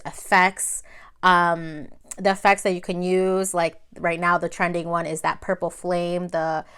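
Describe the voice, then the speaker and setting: A video creator from Mexico, a native Spanish-speaking woman, chats casually in an advice vlog, repeating phrases for emphasis. Her voice is lowish, fairly bright, and clean.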